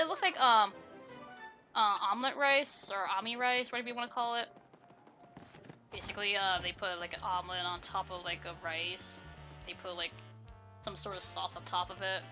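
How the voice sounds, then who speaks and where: A woman's voice: medium pitch, a little fast, bright, forceful tone, soft background music. A woman giving casual, giggly gameplay commentary, chatting with lots of fillers. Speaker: let's play gamer.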